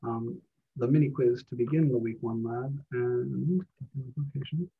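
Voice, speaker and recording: A man teaching a college math class live online from home, relaxed and encouraging, with many fillers. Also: mid-range voice, measured pace, creaky, husky. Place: home, on a video call. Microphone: computer mic on a video call. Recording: dull lo-fi video call audio.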